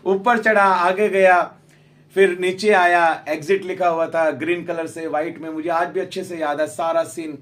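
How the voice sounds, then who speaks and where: A man preaching a sermon in Punjab Hindi, telling a personal story and acting out the dialogue, dropping to hushed tones at emotional moments. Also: high voice. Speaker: pastor. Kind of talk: sermon testimony. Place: large prayer gathering.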